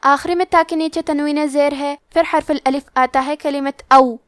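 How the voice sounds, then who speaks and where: A woman with a Pakistani Urdu accent teaching Quran recitation rules, explaining each one in a measured way and then reciting the words slowly. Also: high voice, fairly even intonation, dry recording, clean studio sound. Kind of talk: tajweed lesson with slow recitation.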